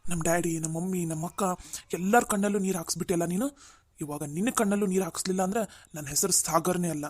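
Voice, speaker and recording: A man voicing a fast-talking upset young son. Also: sits high, a little mellow, dry recording. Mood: angry. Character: young adult son, upset and protective of his sister. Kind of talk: cartoon family drama voice acting.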